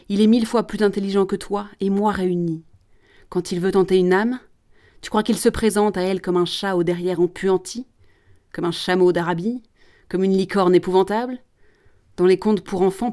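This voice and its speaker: A woman voicing a mocking, scheming male prosecutor priest who sneers and shouts, in a read-aloud play. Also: medium pitch, fairly even intonation, normal speed, lightly acted. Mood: sneering. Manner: sneering, loud and forceful.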